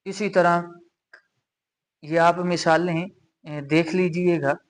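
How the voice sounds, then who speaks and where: A man with a Pakistani Urdu accent gives a recitation lesson. His voice sits a little high, and he talks very slowly. He repeats the rules step by step and draws out the Arabic examples. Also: level tone. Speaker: Quran recitation teacher. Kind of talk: slow explanatory lesson.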